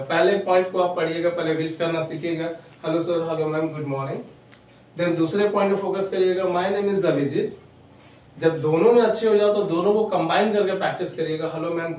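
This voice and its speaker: A man in his thirties teaching an online spoken English class, explaining in Hindi and slowly modelling English sentences. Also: fairly high pitch, a little mellow, heavy reverb, distant mic, slight background noise, rough recording. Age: 30s.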